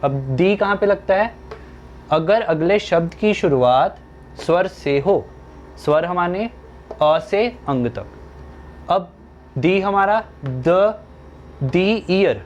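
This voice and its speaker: A young man teaching English grammar in a slow classroom style, asking questions and answering them himself. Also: a little high, highs cut off, a little hiss or hum.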